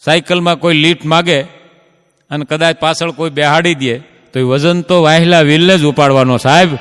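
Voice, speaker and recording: A man doing folk stand-up jokes, telling stories with drawn-out punchlines and asking the crowd "ha?". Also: fairly high pitch, fairly even intonation, a bit bright, clean tone, in a large hall. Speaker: stand-up comedian. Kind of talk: Gujarati folk stand-up jokes for a live audience.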